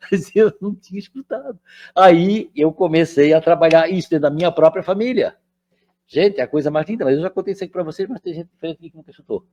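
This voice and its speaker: An older man lectures at a spiritist center in a relaxed, conversational way. His voice sits noticeably high, and he keeps turning to the audience to check that they are following. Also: fast talker, highs cut off.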